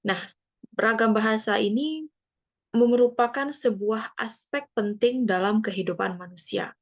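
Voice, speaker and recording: An Indonesian woman teaches a classroom lesson near the coast, explaining things step by step and leaning on fillers and tag questions. Her voice is a little high and unhurried.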